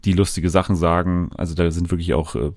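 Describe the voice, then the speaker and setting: A man with a very low voice hosts a relaxed chat, talking loosely with frequent fillers and restarts. His voice sounds dry and close, with almost no room around it. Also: quick pace, no room sound. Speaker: podcast host. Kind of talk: casual chat about TV.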